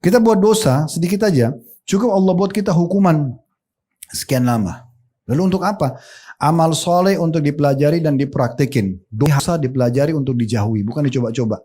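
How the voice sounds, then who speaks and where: A man's voice: on the high side, a little fast, dark tone. A man giving a conversational sermon to a study group, addressing listeners directly and acting out their replies. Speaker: preacher.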